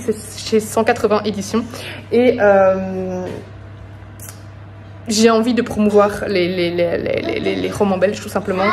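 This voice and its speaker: A woman's voice: medium pitch, background noise. A woman book vlogger chatting casually to camera at home, enthusiastic and full of small hesitations.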